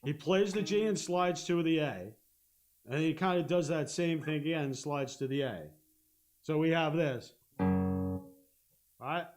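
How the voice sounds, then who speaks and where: High-voiced man teaching guitar. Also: a little slow, pauses often. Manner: explains step by step, hums rhythms, checks in with "okay?". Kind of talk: live-stream guitar lesson. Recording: guitar playing loudly behind. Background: guitar playing and looper.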